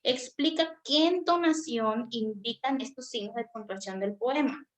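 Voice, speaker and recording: Woman teacher talking her class through a lesson, kinda high voice, patient, asks lots of questions. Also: unhurried, faint music behind. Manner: patient, questioning, searches for words.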